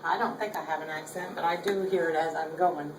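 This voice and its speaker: A woman's voice: deep voice, steady tone, a little fast. An older woman with a Southern accent, chatting folksily through a home cooking demonstration in her kitchen, filmed by her son. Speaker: cooking show host. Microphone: camera held by her son. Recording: echoey room, distant camera mic, background noise.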